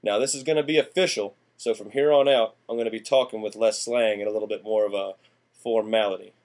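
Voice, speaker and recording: Folksy 1890s country fellow played by a man, lowish voice, rambling homespun talk, class-project monologue. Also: fairly even intonation, quick pace, darkish tone, close to an everyday voice. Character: folksy 1890s small-town Missouri man, time-displaced. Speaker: student presenter in character.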